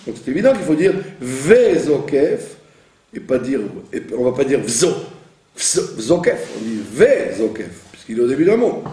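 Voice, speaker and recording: Man teaching, lively voice, echoey room. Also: mid-range voice, far from the mic. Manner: explains patiently, repeats words, checks understanding. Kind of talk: teaching Hebrew prayer reading.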